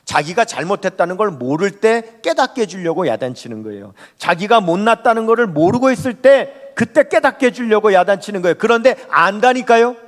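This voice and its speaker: A man's voice: sits high, fairly quick, hardly any pauses. A man preaching a Sunday sermon as pastor, talking straight to the congregation and asking it questions. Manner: animated, rising and falling, speaks to the congregation directly. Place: church sanctuary. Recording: long hall reverb.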